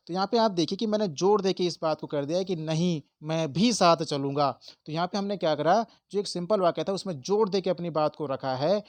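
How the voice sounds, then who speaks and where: A man's voice: high-pitched, darkish tone, no echo. Man explaining exam questions step by step. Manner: explains step by step, stresses key words, addresses viewers as friends. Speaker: Hindi exam tutor. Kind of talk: exam-prep lesson.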